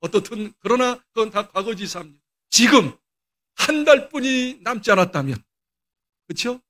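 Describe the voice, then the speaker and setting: Older male pastor, higher-pitched voice, storytelling sermon with dramatic bursts. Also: lively intonation, moderate pace. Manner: storytelling, acts out quoted dialogue with sudden loud bursts. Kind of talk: sermon with personal stories.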